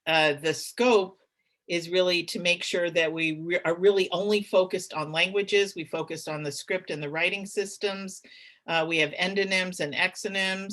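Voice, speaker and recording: Bright-voiced woman giving a webinar talk. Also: sits low. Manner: conversational, with frequent fillers and restarts. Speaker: presenter. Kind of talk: webinar presentation.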